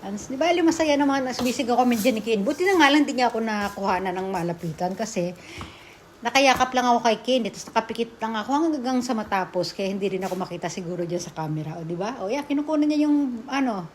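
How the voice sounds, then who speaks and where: A middle-aged woman with a Filipino accent, narrating her family vlog in a chatty, laughing voice-over recorded at night in a quiet room. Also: on the high side, animated, quick pace, slight background noise. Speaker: vlogger.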